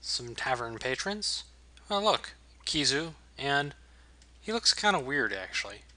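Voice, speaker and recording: A man's voice: medium pitch, very animated, unhurried, pushed and bright. A man giving casual let's play commentary as host, with wry, amused understatement. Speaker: gaming video host.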